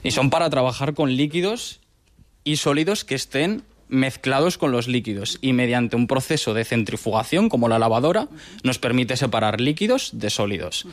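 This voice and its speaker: A man in his twenties from Madrid, a doctoral researcher explaining his work in a lab in a measured, patient way with small restarts. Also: medium pitch, lively intonation. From Madrid, Spain. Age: 20s. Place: research laboratory.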